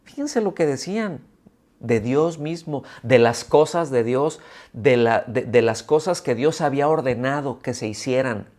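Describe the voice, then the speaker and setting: A man, speaking at a middle pitch, delivers a sermon at a church service. He keeps asking his congregation questions and slips into grumbling voices to mimic complainers. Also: expressive, unhurried, a little mellow. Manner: asks the congregation many rhetorical questions. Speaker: pastor. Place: church service streamed on video call.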